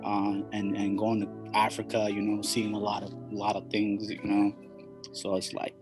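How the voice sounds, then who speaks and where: A young man from Somalia, a hip hop artist, speaking in a laid-back, halting way full of fillers. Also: on the low side, completely flat delivery, music in the background. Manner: laid-back, halting, constant "you know". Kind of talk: casual interview.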